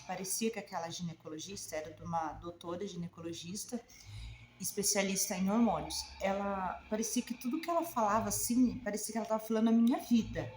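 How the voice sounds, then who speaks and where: A woman's voice: medium pitch, a little mellow, reverberant, slight background noise. A woman in her forties with a Brazilian Portuguese accent, a naturopathic therapist telling her own health story to viewers in an emotional, conversational way. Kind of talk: personal story told to camera.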